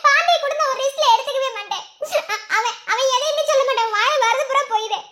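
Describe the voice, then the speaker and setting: A woman's voice: very high-pitched, fast talker, sharp tone. A woman voicing a young village wife in a cartoon, speaking with a Madurai Tamil accent in a pleading, sobbing way. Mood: upset. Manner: pleading, sobbing between words. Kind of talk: cartoon voice acting. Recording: cartoon dialogue over background music.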